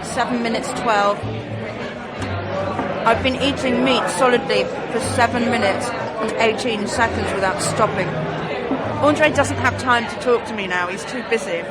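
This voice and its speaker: Woman reporting from a loud crowded restaurant. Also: on the high side, measured pace, loud music behind the voice, a loud crowd. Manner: chatty, amused running commentary. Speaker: reporter on location. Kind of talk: live on-the-spot commentary. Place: busy restaurant indoors.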